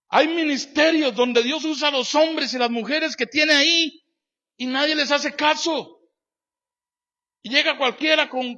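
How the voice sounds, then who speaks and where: In a dull, lo-fi church recording, a man with an extremely high-pitched voice preaches as pastor. He is emphatic and repetitive, alternating loud declarations with quiet asides and firing rhetorical questions directly at the congregation.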